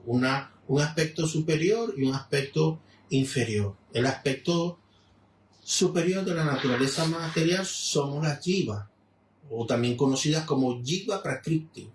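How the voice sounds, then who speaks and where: This clip has a medium-pitched male lecturer from Venezuela reading religious material and adding commentary, calm and explanatory, with many restarts. He speaks off-mic in an echoey room where faint noise can be heard.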